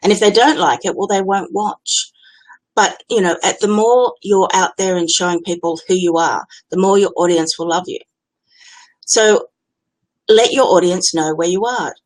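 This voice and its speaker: An Australian woman speaking in a slightly low voice, coaching her viewers live on stream. She talks off the cuff, chatty and blunt, and says exactly what she thinks. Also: normal speed, poor audio. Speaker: business coach hosting a Facebook Live challenge. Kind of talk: unscripted live-stream talk.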